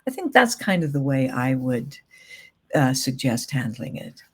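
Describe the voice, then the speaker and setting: Woman, guest expert, casual interview, gentle, thoughtful, filler words. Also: very deep voice, very animated, measured pace, slightly rough.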